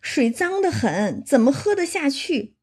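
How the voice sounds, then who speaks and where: A woman's voice: high voice, sing-song, measured pace, darkish tone, voice pushed up. A woman voicing a drunken young bully nobleman who whines and begs for mercy in a retold classic story. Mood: whining plea. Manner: blustering then wheedling and begging.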